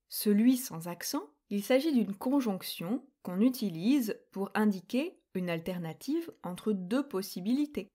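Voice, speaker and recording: A young woman runs a grammar quiz lesson at an unhurried pace, spelling out each rule with careful, deliberate clarity. Her pitch sits in an ordinary middle range. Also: mellow. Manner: slow, clear and deliberate explaining. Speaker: French grammar teacher.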